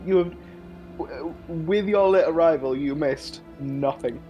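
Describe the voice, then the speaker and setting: A man's voice: fairly high pitch, a little slow, warm tone, soft background music, low-quality recording. A man narrating a tabletop role-playing game as game master, calling for rolls and setting scenes.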